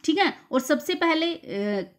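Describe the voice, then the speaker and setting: Woman tutor, slightly high pitch, patient exam-prep lecture that repeats key terms. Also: lively intonation. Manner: explains slowly, repeats key terms and quizzes herself. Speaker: teacher.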